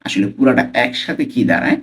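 A man with a Bangladeshi accent teaching Italian phrases, repeating each one slowly and carefully. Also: medium pitch, sing-song, fairly bright tone. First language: Bengali. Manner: slow, careful repetition of phrases. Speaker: language teacher. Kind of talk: Italian lesson for Bengali speakers.

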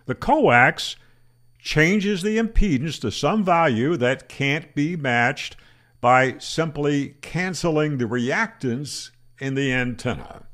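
Speaking slowly in a slightly bright voice, an older Florida man who teaches ham radio explains antenna myths to camera. Matter-of-fact and debunking, he asks himself rhetorical questions while using a boom-arm studio mic in a small room.

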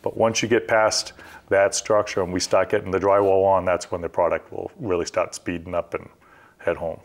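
A man's voice: sits low, flat delivery, moderate pace. A middle-aged man, a construction company owner, explaining the stages of a job step by step in a practical, conversational way on a TV studio set. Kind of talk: explanatory interview talk.

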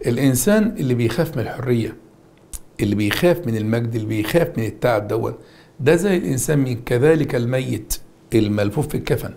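Male teacher, egyptian arabic accent, quick emphatic delivery, warm dark voice. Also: medium pitch, expressive. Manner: emphatic, repeats words and drills students. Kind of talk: recorded exam-prep lesson.

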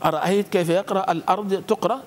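High-voiced sheikh teaching grammar in an echoey hall. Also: male voice, darkish tone. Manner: drills word forms by repeating and stretching them slowly, quizzing students. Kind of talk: classroom grammar lesson with student call-and-response. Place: lecture hall with students. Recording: echoey hall with faint ambient noise.

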